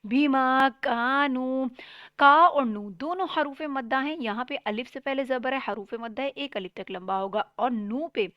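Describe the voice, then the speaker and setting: A woman from Pakistan giving a Quran tajweed lesson, reciting each word slowly and drawn out before explaining the rules step by step. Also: high voice, dry recording. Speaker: Quran teacher. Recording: dull lo-fi recording.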